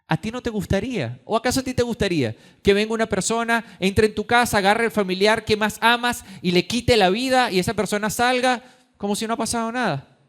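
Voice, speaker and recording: A pastor preaches in a high, ringing male voice. He builds to loud, urgent peaks and then drops to near-hushed lines, pressing his listeners with question after question. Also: fairly quick. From Venezuela. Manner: impassioned, swings between loud and hushed, rhetorical questions. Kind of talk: sermon. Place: church.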